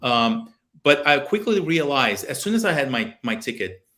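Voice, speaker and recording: With a medium-pitched, fairly bright, sing-song voice at a moderate pace, a Brazilian guest in his thirties talks in a casual webcam interview. He's a pilot and aviation video maker with a Brazilian Portuguese accent, earnest and given to fillers and restarts. He sits in a small home office with a plane picture.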